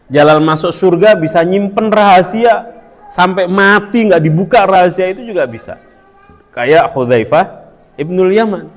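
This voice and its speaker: A man with a Javanese accent giving a religious study talk, telling a story with quotes and asking the audience questions. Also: on the high side. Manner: storytelling, switching between Indonesian and Javanese, quoting Arabic. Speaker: preacher. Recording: long hall reverb.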